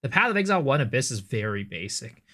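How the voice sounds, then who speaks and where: A man streaming live games and reacting to clips, animated and prone to stammering and repeating words when he gets excited. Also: medium pitch, quick pace. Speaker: game streamer.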